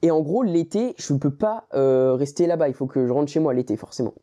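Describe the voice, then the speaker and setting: Young man from France, student host, very dark mellow voice, halting questions. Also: a little high. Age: young adult. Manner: halting, searches for words. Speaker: interviewer and channel host. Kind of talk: casual conversational interview.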